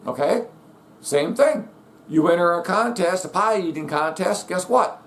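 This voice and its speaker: A middle-aged man with a fairly high-pitched voice holds forth in a blunt, emphatic rant. He hammers home his points and keeps asking "okay?" and "guess what?" to drive them in. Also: animated, a little slow, fairly bright tone. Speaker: vlogger. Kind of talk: ranting monologue.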